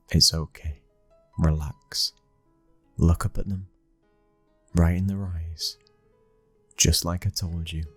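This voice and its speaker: A British man plays a cold, dominant young mafia heir and protective new husband in an ASMR roleplay. He speaks slowly in a low, husky hush that's exaggerated and quietly commanding.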